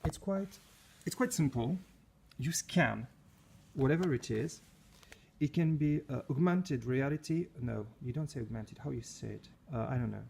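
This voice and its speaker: A man's voice: medium pitch, lively intonation, moderate pace, creaky, a little mellow, a little hiss or hum. A French man, a science teacher, chatting casually to camera in his school lab, often searching for English words and correcting himself. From France. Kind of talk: casual vlog talk to camera.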